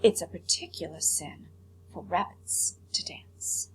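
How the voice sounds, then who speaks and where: A woman's voice: lowish voice, sing-song, unhurried, gravelly, breathy edge, in a whisper, full character voice, poor audio. A woman voicing a solemn, pious, disapproving man in a storybook reading. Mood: grave disapproval. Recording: faint background hum.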